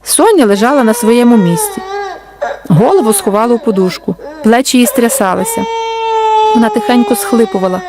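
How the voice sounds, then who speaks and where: A woman author reading her storybook aloud in a gentle, unhurried way. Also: a little high, sing-song. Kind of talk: storybook narration.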